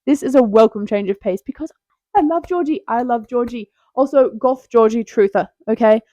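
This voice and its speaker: A young woman hosting a casual, rambling tier list video, playful and quick to interrupt herself with jokes. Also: on the high side, mellow, no echo, highs cut off. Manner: playful, self-interrupting, jokey.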